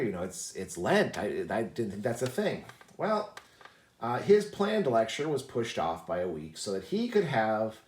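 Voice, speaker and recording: A man's voice: lowish voice, a little mellow, echoey room. A man hosting a casual vlog, telling a personal story in a rambling way with many fillers and restarts. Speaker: channel host.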